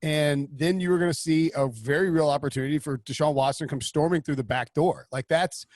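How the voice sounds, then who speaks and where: A man hosting a casual sports betting podcast, talking in an animated, rambling way with many restarts. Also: fairly high pitch, brisk, no room sound, clean studio sound. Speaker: podcast host.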